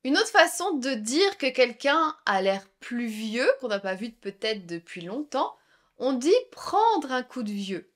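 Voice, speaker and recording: A woman teaching everyday expressions, saying each phrase slowly and clearly and repeating it in short example dialogues. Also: on the high side, very animated. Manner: slow careful model pronunciation, repeating each phrase. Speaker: French teacher. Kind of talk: language lesson with spoken example dialogues.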